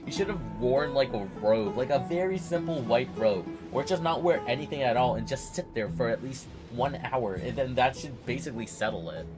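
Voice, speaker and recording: A man's voice: medium pitch, expressive, fairly quick, hardly any pauses. Young man, gaming reaction commentary, joking and swearing, game music behind. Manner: joking, profane, laughing. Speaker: gaming video creator. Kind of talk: casual gameplay reaction commentary.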